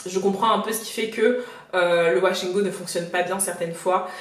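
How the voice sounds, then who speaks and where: A young woman, a little sick, chatting casually through a hair tutorial at home, pausing often with fillers. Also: on the low side, fairly even intonation, roomy sound. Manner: chatty, many filler pauses. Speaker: hair care vlogger. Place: home, washing machine spinning nearby.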